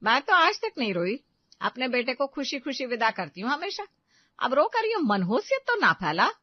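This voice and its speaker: A woman voicing a boastful, sharp-tongued middle-aged mother-in-law in an animated story, bragging and scolding. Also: high voice, normal speed, no room sound. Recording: dry, slightly dull lo-fi audio.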